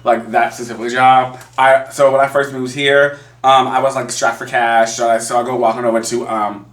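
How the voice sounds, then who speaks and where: A man co-hosting a casual chat podcast, an animated storyteller who laughs often. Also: medium pitch, moderate pace, far from the mic. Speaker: podcast co-host. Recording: roomy, off-mic.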